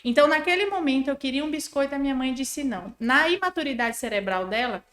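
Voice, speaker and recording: Woman, parenting educator on a podcast, animated and didactic, higher voice, echoey room. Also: quick pace. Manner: didactic, animated, acts out examples. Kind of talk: explanatory podcast conversation.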